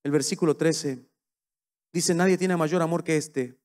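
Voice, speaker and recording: A male pastor, preaching a sermon with passion, swinging between soft and loud. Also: fairly high pitch, fairly even intonation, measured pace. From Paraguay.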